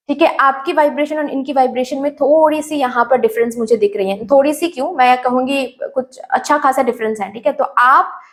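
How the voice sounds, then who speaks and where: Woman doing a tarot reading to camera, high voice, talks right at you, lots of repeats and fillers. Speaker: tarot reader.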